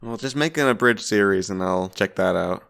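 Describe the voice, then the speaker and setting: A man's voice: on the low side, moderate pace, gravelly, a bit bright. A man co-hosting a TV podcast, making dry teasing remarks in casual chat. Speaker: podcast co-host.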